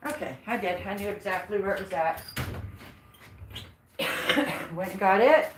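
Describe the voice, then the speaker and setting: A woman's voice: medium pitch, measured pace. A woman chatting to her viewers while she works in her workshop, breathing hard from the effort. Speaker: woodcarving vlogger. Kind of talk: casual chat while working. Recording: roomy workshop sound, mic at a distance, noisy.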